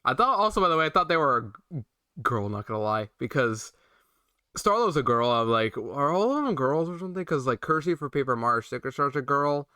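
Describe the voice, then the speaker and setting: A man's voice: mid-range voice, big pitch swings, brisk, sharp tone, clear, resonant tone, no echo, studio quality. A young man streaming a video game, rambling playfully and chatting with his viewers. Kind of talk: casual game-stream commentary.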